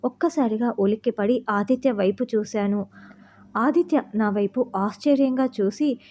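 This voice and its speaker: Mellow woman reading a heartfelt story. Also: on the high side, normal speed. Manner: calm, steady reading. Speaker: narrator. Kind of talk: scripted first-person story narration.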